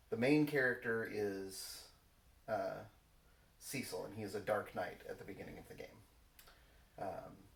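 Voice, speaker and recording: A rather low-pitched male voice in relaxed question-and-answer conversation, picked up from a distance. He rambles informally, stopping and starting as he goes, with noticeable room echo. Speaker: co-host of a casual Q&A video. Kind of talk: casual Q&A chat. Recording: roomy echo, distant microphone.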